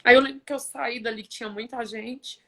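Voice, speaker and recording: A woman's voice: a little high, a little fast. A Brazilian woman in her forties, a podcast guest, telling a personal story with feeling and acting out the dialogue. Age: 40s. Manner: emotional, animated retelling with quoted dialogue.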